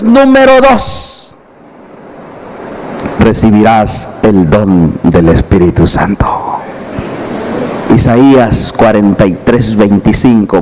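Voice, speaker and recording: Male pastor, high voice, emphatic preaching, rhetorical questions, reverberant church hall. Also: a little hiss or hum. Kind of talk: evangelistic sermon.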